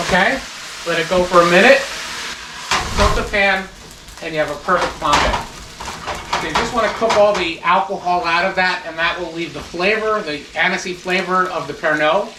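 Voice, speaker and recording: A man chef giving a step-by-step cooking demonstration in a relaxed, instructive way, stopping now and then to restart a phrase. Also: high voice, moderate pace, long pauses, very noisy. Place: kitchen. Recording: echoey kitchen, mic at a distance. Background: sizzling pan sounds.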